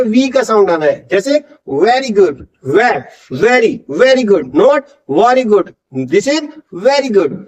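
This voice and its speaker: A man with a very high voice teaches pronunciation. He drills each word again and again, slowly, and asks questions before answering them himself. The recording sounds dull and lo-fi. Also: darkish tone. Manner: drills words by slow repetition. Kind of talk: classroom-style lesson.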